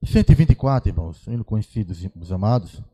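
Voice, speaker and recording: A man's voice: on the low side, sing-song, dark tone, breathy edge. A man, an evangelist greeting the church and calling out a hymn number. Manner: unhurried, drawn-out announcing of hymn numbers. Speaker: evangelist leading hymns. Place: church sanctuary.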